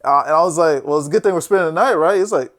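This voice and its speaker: A man with a fairly high voice tells a long, rambling story in casual chat. He laughs often and swears freely as he goes. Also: racing, a bit bright. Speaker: podcast host.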